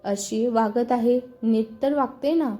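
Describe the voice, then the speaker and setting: A woman's voice: a little high, slow, dark tone. Woman voicing a sulky young wife. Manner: curt, defensive replies.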